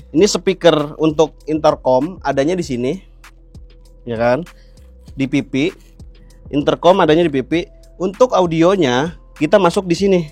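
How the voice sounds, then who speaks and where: Checking in with his viewers, a young man hosting a motovlog explains gear casually and colloquially in a Jakarta Indonesian accent. He speaks in a slightly high, slightly mellow voice.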